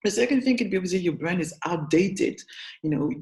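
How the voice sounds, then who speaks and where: In a talking-head business advice video, a young French brand strategist and agency founder with a French accent speaks to camera in an animated, chatty, upbeat way. Her fairly low, darkish voice moves a little fast as she frequently corrects herself and checks in with viewers.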